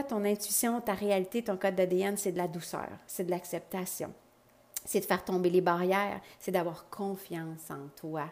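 A woman with a Quebec French accent, a life coach speaking directly to the listener in a lively monologue, mixing in slang and English words. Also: mid-range voice. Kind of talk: motivational podcast monologue.

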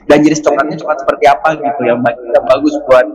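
A man's voice: on the high side, level tone, racing, a crowd in the background, poor audio. A man asking a question in an informal, conversational way as an audience member on an online call. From Cimahi, West Java, Indonesia. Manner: informal, repeatedly addressing the doctor. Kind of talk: casual spoken question. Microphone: video call.

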